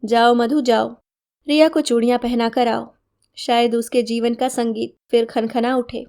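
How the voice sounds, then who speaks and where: A woman voicing a calm, persuasive husband. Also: on the high side, a little slow. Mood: gentle. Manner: earnest, persuasive. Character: calm, gentle husband arguing against old customs.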